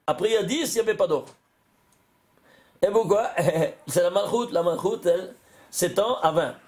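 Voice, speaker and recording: A man, a rabbi, giving an animated Torah lesson, often exclaiming and putting questions to his listeners. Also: high-pitched.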